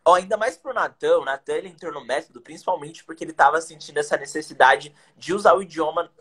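Speaking quickly in a husky, fairly bright voice on the high side, a young Brazilian English teacher chats with energy on a video call. Slang and rhetorical questions pepper his casual live-stream talk about teaching tips. He's recorded by a webcam in a small room indoors.

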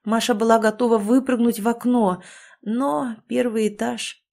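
A woman reading an audiobook in a measured, expressive way. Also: on the high side, vocal fry. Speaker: audiobook reader. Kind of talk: scripted audiobook narration.

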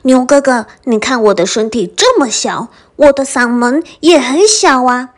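A woman's voice: high-pitched, measured pace. A woman voicing a sly, crafty little mouse in a storybook reading, sweet-talking and wheedling.

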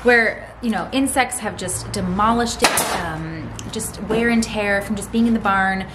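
In an unhurried, medium-pitched voice, a homesteader who vlogs explains casually how she cleans old beehive frames. She's in her thirties, working in a large barn, and there's loud noise in the background.

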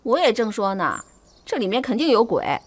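A wheedling secretive concubine, high voice, lively pitch, period TV drama. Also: female voice, normal speed. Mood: guarded. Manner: wheedling and coaxing, then secretive. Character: guarded, pleading fourth concubine, woman. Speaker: fourth concubine in household. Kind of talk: Chinese period TV drama, dubbed dialogue.

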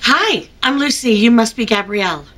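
A woman's voice: on the high side, animated, normal speed, a bit bright. Swaggering woman exec, dry and confident. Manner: wry, self-assured, sly humor. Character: brash confident woman executive, sly and swaggering. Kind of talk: TV drama acting. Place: indoor home dining room.

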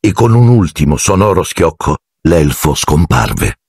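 A man narrating an audiobook in a measured storytelling manner on a close mic. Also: rumbling low, big pitch swings, darkish tone, husky, dry recording. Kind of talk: scripted narration.

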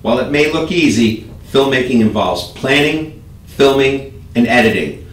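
A man hosting and giving a measured, scripted presentation. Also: medium pitch, expressive, a little hiss or hum. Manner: measured, announcing. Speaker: host. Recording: roomy, distant from the mic.

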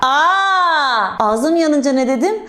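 A woman teacher leads a storytelling lesson for young children. Her voice sits high and she talks with an animated, exaggerated sing-song lilt. The recording has a roomy echo. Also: moderate pace. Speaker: primary school teacher.

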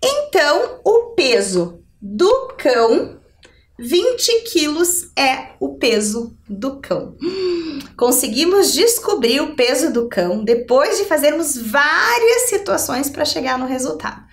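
Speaking slowly in a high voice with big, wide pitch swings, a middle-aged Brazilian woman teaches adult education maths in a televised lesson, explaining step by step. She's didactic, repeatedly checking in with rhetorical questions. Recorded from a distance in an indoor TV studio, the audio is roomy and echoey.

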